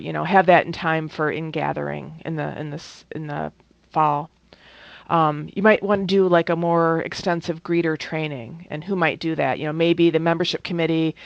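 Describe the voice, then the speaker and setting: A woman's voice: low voice, vocal fry, no room sound. A woman presenting a training workshop in a conversational way, with many fillers and restarts. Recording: dull, dry lo-fi recording.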